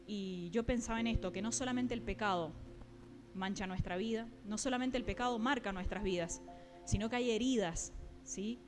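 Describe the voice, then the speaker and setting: A woman preaching a sermon, often pausing with fillers and checking in with her listeners. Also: medium pitch, over music. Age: adult, mother.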